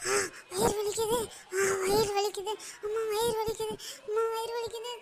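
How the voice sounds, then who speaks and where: A woman's voice: very high-pitched, steady tone, brisk, very noisy. A woman voicing a meek, pregnant young daughter-in-law in a cartoon, polite and pleading. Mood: crying. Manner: polite, pleading, crying out in pain. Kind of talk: cartoon voice acting.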